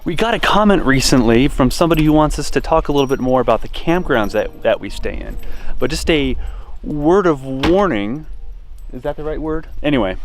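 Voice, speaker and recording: A man's voice: on the high side, animated, a little fast, soft background music. A man talking as a travel vlogger in a casual, unscripted, rambling way. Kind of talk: casual, chatty vlog talk.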